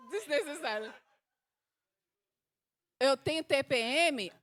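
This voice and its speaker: A woman preaching with a high voice. She is an animated pastor who acts out prayers and swings between loud bursts and hushed asides. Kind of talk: sermon.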